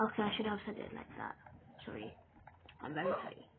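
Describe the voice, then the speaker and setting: A woman's voice: mid-range voice, very animated, fast talker. A British woman giving casual, rambling commentary as she plays a game, talking to herself as she goes. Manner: rambling, chatty self-talk. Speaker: gamer. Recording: tinny lo-fi with noise.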